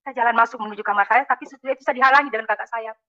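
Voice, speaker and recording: A woman from Makassar, Indonesia gives a religious conversion testimony in a fairly high, sharp voice, racing along over lo-fi sound. She tells her story emphatically and often calls out to the listeners.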